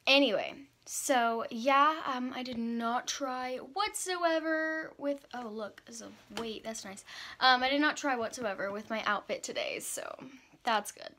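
Young woman vlogger, unhurried and higher-voiced, casual and chatty on a handheld camera. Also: bright, forceful tone. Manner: chatty, upbeat, filler-heavy. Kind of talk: casual vlog chat. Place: outdoors walking, then store aisles.

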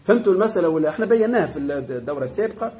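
A man with a Tunisian accent gives a religious doctrine lesson as a sheikh. His voice sits high for a man, and he talks very fast. He explains point by point and keeps asking the class whether they have understood. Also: animated, warm tone. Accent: Tunisian Arabic.

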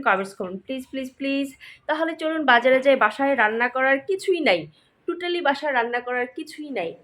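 A woman's voice: sits high, a bit bright. A woman with a Narsingdi Bengali accent, chatting casually to her viewers as a vlogger and mixing in English words. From Narsingdi, Bangladesh. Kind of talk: casual vlog chat to viewers.

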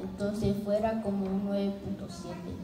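A woman judging a singer slowly and jokingly. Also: mid-range voice, fairly even intonation, mellow. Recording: distant, very echoey, crowd behind.

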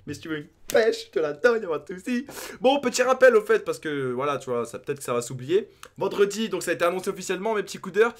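Excitable young man commentating his game. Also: high voice, fast. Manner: excitable, talks to himself, sudden outbursts. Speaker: gaming youtuber.

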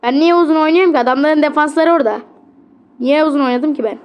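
A woman giving gameplay commentary, excitable, grumbling at the game and yelling on big plays, with apologetic asides to her viewers. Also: high-pitched, fast talker. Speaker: gamer.

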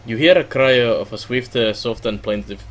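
A middle-aged man doing a let's play, reading game text aloud haltingly with casual commentary. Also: mid-range voice. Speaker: gaming let's player.

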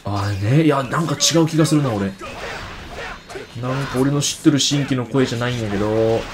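A man's voice: mid-range voice, fairly quick. A man giving casual let's-play commentary, chatting to himself and talking back to the enemies on screen. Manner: chatty, reacts aloud and talks back to enemies. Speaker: game streamer. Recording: game music playing loudly behind.

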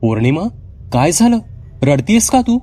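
A man voicing a calm young girl who questions her frightened sister and reassures her. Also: a little high, moderate pace, recorded from a distance, soft background music, voice pushed up. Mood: puzzled.

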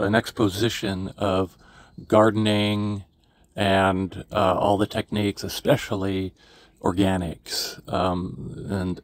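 Older man with a very low voice. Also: a little mellow. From California. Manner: rambling, many fillers and restarts. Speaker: memoir vlogger. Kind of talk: casual personal storytelling.

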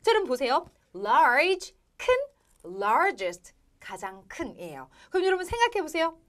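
A woman's voice: high voice, big pitch swings, a little slow, fairly bright tone. A woman hosting a television English lesson, playful and laughing often as she keeps speaking straight to the viewers. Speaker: English teacher and host.

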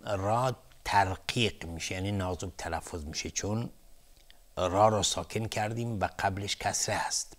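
A man with a somewhat low voice gives a televised Quran recitation lesson. He goes through each rule methodically and one step at a time. His delivery stays soft-spoken and low-key. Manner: methodical, explains rules step by step.

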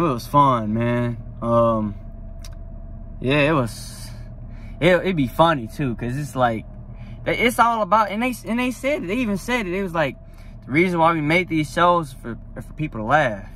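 A young adult vlogger with a fairly bright voice on the high side chats to his phone camera from a parked car. He rambles enthusiastically, with lots of fillers. The phone is held at arm's length, and a little hiss or hum is present.

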